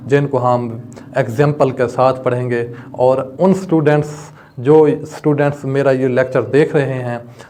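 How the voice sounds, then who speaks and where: A male online law lecturer with a Pakistani accent teaches step by step, addressing students directly and mixing English legal terms into his instruction. His medium-pitched voice is a little mellow, with little melody.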